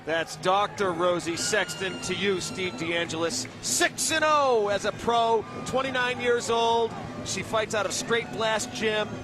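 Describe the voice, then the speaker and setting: A man doing energetic play-by-play commentary for a fight broadcast. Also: high voice, unhurried, few pauses, music in the background. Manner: energetic, hyping.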